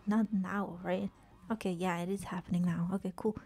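A woman streaming a video game, chatting casually, swearing often and reacting with quick exclamations. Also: lowish voice, steady tone, darkish tone, slightly rough. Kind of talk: casual live-stream commentary while playing.

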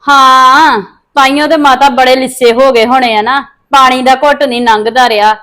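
A woman plays a resentful young daughter-in-law with a Punjabi accent in a village family drama. Her voice sits high, and she snaps back in sharp, scornful retorts before sinking into low, muttered scheming. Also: steady tone, normal speed. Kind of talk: amateur family drama acting.

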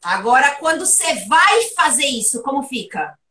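A woman giving a private English lesson, lively and playful as she runs question drills. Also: sits high, moderate pace, distant mic. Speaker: English teacher.

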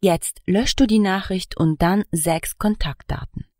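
A woman's voice: medium pitch, a little slow, a little mellow, no echo, clean studio sound, natural voice. A woman reading the part of a bossy, protective sister who speaks sternly. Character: bossy, sly younger sister who always wins.

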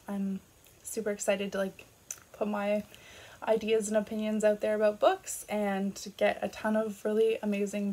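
A woman's voice: medium pitch, darkish tone. A Canadian woman in her late twenties, chatting casually on her vlog, filling her talk with "like" and "um" and laughing at herself. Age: 20s. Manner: chatty, filler-heavy, self-deprecating with frequent laughs. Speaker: booktuber.

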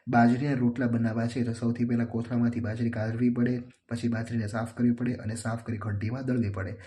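Male teacher, steady plain reader, mid pitch, dark mellow tone. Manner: steady, plain reading, slowing for rhymes. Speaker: teacher going over a workbook. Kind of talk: reading out workbook answers.

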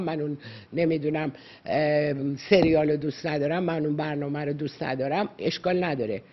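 A woman's voice: low-pitched, breathy edge, muffled recording. A woman psychologist giving earnest, lecturing advice to callers on a radio call-in show, slipping English words into her talk.

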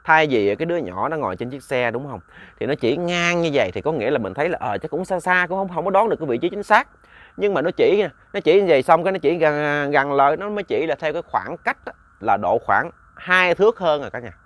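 A man's voice: on the high side, animated, fast, fairly bright tone, no room sound. A man narrating a ghost story in a chatty, casual way, often repeating words and talking to listeners like family.

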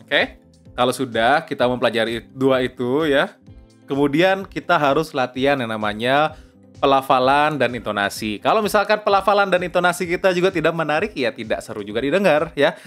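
A man's voice: mid-range voice, animated, fairly quick, a bit bright, soft background music. Chatty young man teaching voice-over. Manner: chatty, fillers like "ya" and "oke", mixes in English phrases. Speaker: voice-over tutor. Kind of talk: casual spoken tutorial. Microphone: close lapel mic.

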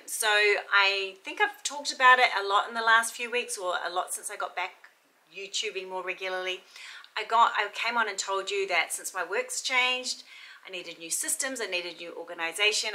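A woman's voice: mid-range voice, bright, forceful tone, poor audio. A woman, chatting upbeat and rambling to camera at home about her week. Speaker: lifestyle vlogger. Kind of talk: casual chat to camera. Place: home room, then kitchen table.

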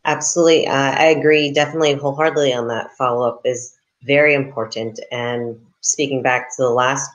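A woman's voice: rumbling low, steady tone, fairly quick, low-quality recording. A woman in her thirties speaks as a business panelist on a video call. She is upbeat and emphatic, and she acts out short quoted exchanges as she goes. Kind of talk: panel discussion answers. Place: indoors in an office. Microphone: webcam on a video call.

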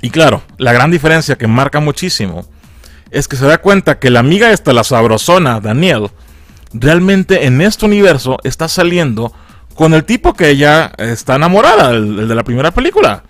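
A man's voice: on the high side, sing-song, normal speed, a bit bright, dry recording, soft background music. A man with a Mexican accent, recapping a film in a casual, slangy way and acting out characters' lines in a raised voice. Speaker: film reviewer.

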